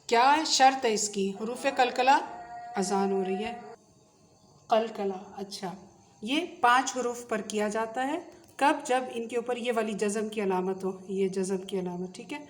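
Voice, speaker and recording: A woman with a Pakistani Urdu accent teaching a tajweed lesson, patiently drilling letter sounds and repeating them slowly. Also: a little high. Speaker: Quran recitation teacher.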